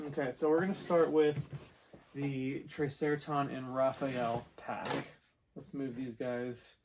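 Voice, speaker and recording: Slow, wry man reviewing toys. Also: medium pitch, little pitch movement, background noise. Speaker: toy reviewer. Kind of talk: casual unboxing chat.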